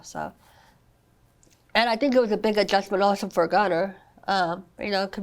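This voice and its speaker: On a podcast interview, a young mom with a mid-range voice speaks earnestly, saying "I mean" and "you know" a lot. She is a guest whose child has a rare condition. Still a bit sick, she's recovering from an illness and coughs occasionally.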